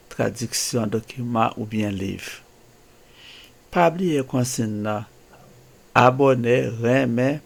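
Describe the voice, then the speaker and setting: A man's voice: medium pitch, gravelly. A man with a Haitian accent, hosting a daily reflection on the saints and urging listeners on with proverbs and Bible verses. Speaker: host of a daily saints channel. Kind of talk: spoken religious reflection.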